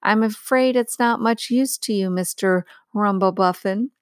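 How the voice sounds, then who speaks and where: A woman's voice: mid-range voice, unhurried, no room sound, clean studio sound, natural voice. A woman voicing an eager, kind, polite little girl with an earnest manner in a storybook reading. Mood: kind, helpful.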